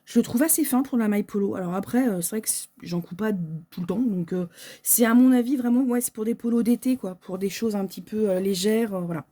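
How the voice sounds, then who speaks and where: A woman's voice: mid-range voice, brisk, dark tone. A French woman chatting casually through an unboxing, hesitant and full of fillers, with packaging crinkling behind her. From France. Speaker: sewing shop owner.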